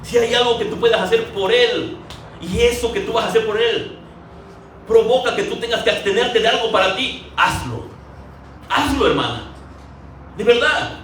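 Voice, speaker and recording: A man's voice: extremely high pitch, fairly even intonation, normal speed, a bit bright. A man preaching a sermon in a conversational way, telling stories and acting out the quotes. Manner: conversational, acts out quotes in a storytelling way. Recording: echoey hall from far off, faint ambient noise.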